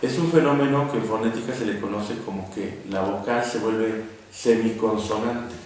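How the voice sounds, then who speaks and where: A man's voice: fairly low pitch, moderate pace, a little mellow, far from the mic, slight background noise. A man teaching a poetry class, patiently explaining and spelling out vowel sounds. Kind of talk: classroom lecture. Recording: echoey room, recorded from afar.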